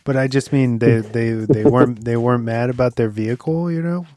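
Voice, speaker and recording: A man's voice: mid-range voice, fairly quick, a little mellow, no room sound. A man co-hosting a casual film podcast, drifting through stories with likes, ums and the odd curse. His delivery is loose and laughing, and the sound is close and dry. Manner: loose, filler-heavy storytelling with swearing and laughs. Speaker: podcast co-host. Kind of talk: casual film review chat.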